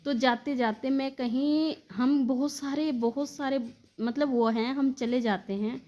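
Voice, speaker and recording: A woman with a slightly high voice narrates a devotional story in a plain storytelling manner, fondly and directly addressing her listeners as dear devotees. Her tone is steady and warm, and she never hurries.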